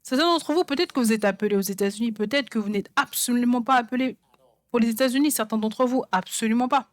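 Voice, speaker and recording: A woman preaches a sermon in a fairly high voice. She drives her points home by repeating phrases again and again, and the sound is dry and close. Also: fast, no room sound. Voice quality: songwriter speaking of her own songs. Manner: emphatic, repeats phrases for stress.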